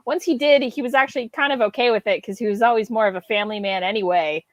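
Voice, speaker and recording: Chatty woman with a bright higher voice. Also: fast talker, no echo. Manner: chatty, giggly, explains history at length. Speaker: podcast guest. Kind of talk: casual movie watch-along chat.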